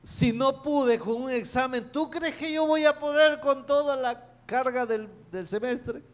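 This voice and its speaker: Guy putting on a worried college kid voice, high and whiny, slow and drawn out. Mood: despairing. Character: young adult male student son, anxious and frustrated.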